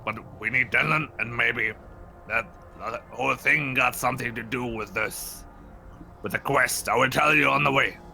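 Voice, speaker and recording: A man's voice: mid-range voice, normal speed, gravelly, pushed and bright, slight background noise. A man playing a tabletop game, talking casually. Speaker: player. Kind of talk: casual play.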